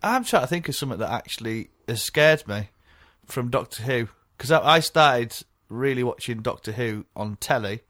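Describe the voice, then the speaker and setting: A man, co-hosting a casual podcast, chatty and quick to laugh as he rambles through memories. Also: medium pitch, expressive, fairly bright tone, no echo, clean studio sound. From North East England. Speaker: podcast co-host.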